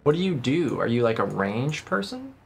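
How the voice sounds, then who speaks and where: A man's voice: medium pitch, huge pitch swings, moderate pace, vocal fry. A man streaming a video game, switching between casual commentary and reading the game's text aloud. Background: game music.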